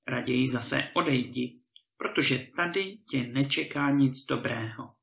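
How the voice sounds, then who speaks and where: A man's voice: mid-range voice, gravelly, fairly bright tone. A man voicing a wary old male servant in a storybook reading, with a warning tone. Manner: cautionary, warning. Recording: roomy echo.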